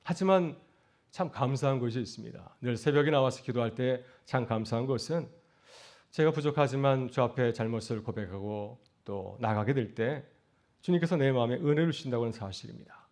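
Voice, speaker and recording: Middle-aged guy pastor preaching fast, earnest, lots of rhetorical questions. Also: medium pitch, a little mellow. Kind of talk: sermon.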